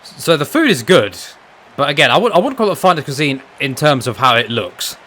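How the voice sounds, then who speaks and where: A young Englishman chats casually and ramblingly while streaming a fighting game, restarting often and swearing mildly now and then. His mid-range voice is brisk and sharp, with big swings in pitch.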